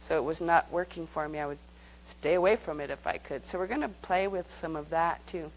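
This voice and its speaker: A woman's voice: sits low, fairly quick, a little hiss or hum, low-quality recording. A woman leading a live workshop, speaking conversationally and guiding the group through exercises. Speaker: workshop teacher.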